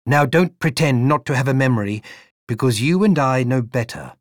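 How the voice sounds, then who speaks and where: A man's voice: mid-range voice, animated, normal speed, no room sound, studio quality, natural voice. A man reading aloud voices an elderly aunt with a curt, commanding, emphatic manner. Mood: brisk. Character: sharp, brisk elderly aunt, woman.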